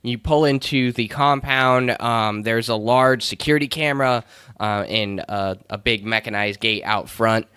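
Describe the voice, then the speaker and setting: Game master, male, smooth and resonant, scene-setting with lots of fillers. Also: mid-range voice, a little slow, sharp tone, dry recording, clean studio sound. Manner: descriptive with many fillers. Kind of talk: narrating a tabletop game.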